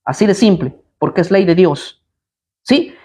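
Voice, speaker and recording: A man's voice: sits high, lively intonation, measured pace, warm tone, breathy edge. A man preaching at a live Bible study, combative and blunt, firing rhetorical questions at his listeners.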